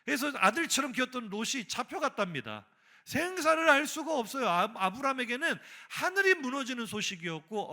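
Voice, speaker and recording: Animated, high-voiced male pastor. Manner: animated, conversational, asks the congregation questions. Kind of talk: sermon.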